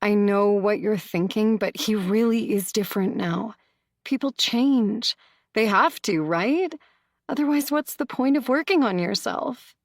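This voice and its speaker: A woman's voice: medium pitch, moderate pace, few pauses, no echo, clean studio sound, natural voice. A woman voicing a moody teenage girl in an audiobook, with a breezy, defensive manner.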